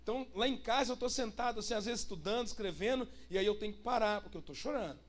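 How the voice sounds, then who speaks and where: A man's voice: sits high, fast talker. A pastor, preaching a sermon and putting rhetorical questions to his congregation. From Brazil.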